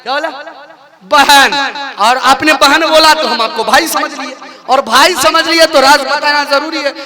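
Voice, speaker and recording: A man preaching at a religious gathering, telling a funny story with animated voices and shouted punchlines before giving advice. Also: very high voice, normal speed. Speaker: maulana preacher. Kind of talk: jalsa sermon with comic storytelling. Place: outdoor religious gathering with crowd.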